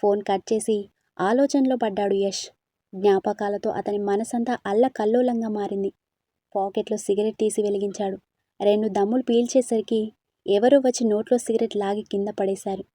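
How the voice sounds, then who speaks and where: Warm, mellow woman storyteller. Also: mid-range voice, fairly even intonation, moderate pace, no room sound, studio quality. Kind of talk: scripted story narration.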